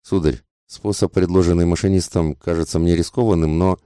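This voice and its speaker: A man's voice: sits low, fairly even intonation, fairly quick, warm tone, smooth, no room sound, clean studio sound, close to an everyday voice. A man voicing a polite, anxious manservant in an audiobook. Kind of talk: audiobook character voice.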